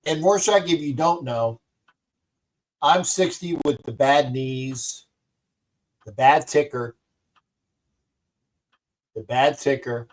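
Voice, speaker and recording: A rambling, folksy man in his 60s hosts a casual livestream, chatting with viewers in salty talk full of restarts. His voice is medium-pitched and slow, with long pauses.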